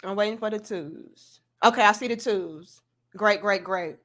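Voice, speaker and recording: A woman's voice: medium pitch, a little slow, fairly bright tone. A woman hosting a casual opinionated livestream, skeptical and emphatic, with sarcastic exposé-style commentary and colloquial address to her viewers. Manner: skeptical, sarcastically mimics opposing views; emphatic, punchy delivery with rhetorical questions. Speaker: livestream host.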